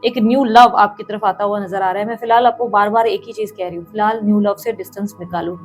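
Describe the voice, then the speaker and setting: A woman's voice: mid-range voice, fairly even intonation, fast, soft background music. A woman tarot reader who speaks straight to the viewer, repeats her points for emphasis and calls on the universe between cards. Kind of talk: tarot reading to camera.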